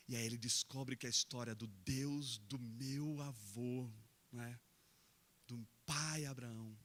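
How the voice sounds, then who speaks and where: A middle-aged man preaching a sermon with passion, rising to loud emphatic peaks and acting out bits of dialogue. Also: medium pitch.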